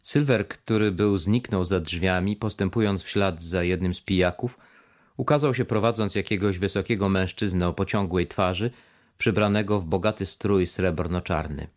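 Low-pitched male audiobook narrator, measured, even storytelling. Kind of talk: scripted narration.

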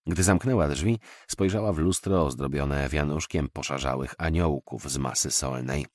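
A man narrating a novel in an expressive, measured storytelling manner. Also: rumbling low, dry recording, studio quality. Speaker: audiobook narrator. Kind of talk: novel reading.

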